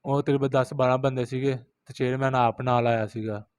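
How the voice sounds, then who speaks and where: Fast-talking Punjabi-accented man, flat delivery. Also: medium pitch, smooth. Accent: Pakistani Punjabi. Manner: recounts events, quoting others in repetitive phrases. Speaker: interviewee, rickshaw driver. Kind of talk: street interview.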